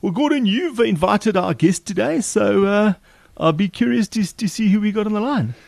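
A man in his fifties, co-hosting a podcast and speaking hesitantly with frequent pauses. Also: high-pitched, expressive, gravelly, a little mellow, no room sound. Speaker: podcast co-host. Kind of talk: casual podcast chat.

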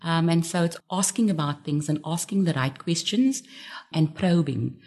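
Casting: woman, middle-aged, lower voice, candid radio guest. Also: normal speed, mellow. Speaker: interview guest, parent.

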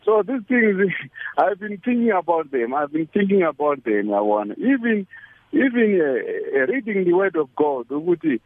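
High-voiced South African Zulu man, phone line. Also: sing-song, no echo. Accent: South African Zulu-language. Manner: halting and repetitive, switching between English and Zulu. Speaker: caller to a religious radio show. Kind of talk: personal testimony, casual and conversational. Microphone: telephone.

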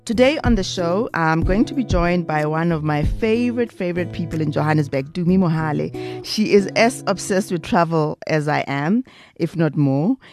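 Chatty South African woman host, lowish voice. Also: darkish tone. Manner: chatty and enthusiastic. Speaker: podcast host. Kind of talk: casual travel podcast chat.

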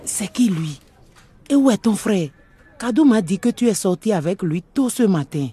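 Woman doing a worried suspicious mom in a radio play, mellow voice but very animated. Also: mid-range voice, moderate pace, a little hiss or hum, close to an everyday voice. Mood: anxious, suspicious. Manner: questioning, fretful. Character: anxious, suspicious mother of teenagers. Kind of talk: radio drama acting.

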